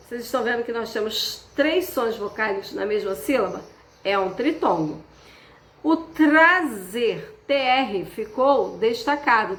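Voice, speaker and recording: A woman teacher giving a patient remote lesson, slowing down to stress key words. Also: a little high, fairly bright tone, slight background noise. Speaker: schoolteacher. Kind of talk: remote class instructions. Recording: echoey room.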